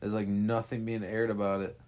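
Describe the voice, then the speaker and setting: Blunt, profane man with a low voice. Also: level tone, normal speed, darkish tone. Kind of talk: casual chat.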